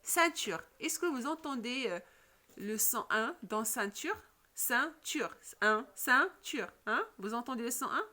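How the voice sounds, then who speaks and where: A woman teaching a phonics lesson to children, patient and repetitive, often checking with a quick question. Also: a little high, lively intonation, sharp tone. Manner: slow, patient, repeats questions and checks with "d'accord?".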